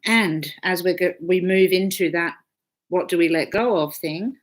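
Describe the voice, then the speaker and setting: A woman's voice: lowish voice, a little slow. A woman astrologer hosting a casual live stream, chatting freely, swearing often and reading out viewer comments.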